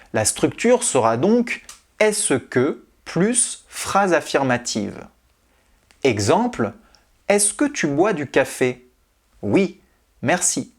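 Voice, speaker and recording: A teacher narrating a scripted French grammar lesson, reading out example questions and their answers in a deliberate way. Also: medium pitch.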